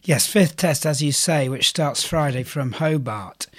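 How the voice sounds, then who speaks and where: A man with a croaky voice co-hosting a sports betting podcast in a presenter's style. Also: fairly high pitch, expressive, measured pace, dry recording, studio quality. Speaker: podcast co-host.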